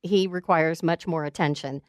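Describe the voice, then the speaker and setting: A middle-aged woman answering quick questions as an interview guest, playful and brief, laughing easily. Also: low-pitched, steady tone, dry recording, clean studio sound. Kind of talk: casual rapid-fire Q&A.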